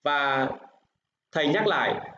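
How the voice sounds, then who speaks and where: A man's voice: a little high, sharp tone. Vietnamese man teaching English, echoey room. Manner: slow in English, quick when explaining in Vietnamese. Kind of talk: bilingual classroom lesson. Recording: echoey, dull, faint hiss.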